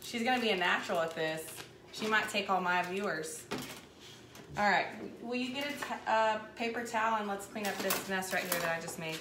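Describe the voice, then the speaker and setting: A woman hosts a live cooking demonstration in her home kitchen, chatting and rambling briskly in a mid-range voice while she works. A camera mic across the counter picks her up from a distance, and the kitchen is echoey with background noise.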